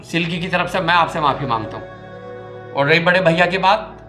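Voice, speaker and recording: A man's voice: a little high, animated, brisk, bright, forceful tone, faint music behind. An actor playing a young husband who sternly lectures his wife to respect his elder brother, in a scripted family comedy scene. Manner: scolding, lecturing, insistent.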